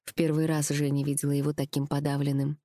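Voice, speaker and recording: A woman narrating an audiobook with an even, measured reading. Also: deep voice, no echo, studio quality.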